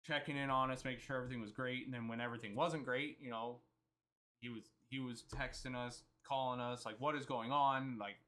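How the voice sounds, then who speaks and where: A man's voice: medium pitch, steady tone, fast talker, pushed and bright. A man recapping a trip in casual, rambling storytelling, often quoting himself and others. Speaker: vlogger.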